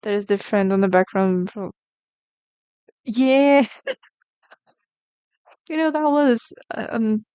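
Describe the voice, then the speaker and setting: Drawing on a live stream, this Brazilian woman, a native Portuguese speaker, chats casually and responds to chat messages. Her smooth voice sits at medium pitch with lively intonation, but she speaks slowly with long pauses, in a darkish tone and with no room sound.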